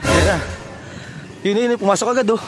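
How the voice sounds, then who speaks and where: A man vlogging about his racing pigeons outdoors, talking excitedly in a running commentary, sweaty and out of breath. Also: high-pitched, normal speed. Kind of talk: casual vlog commentary. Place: outdoors at a backyard pigeon loft. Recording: noisy outdoor recording.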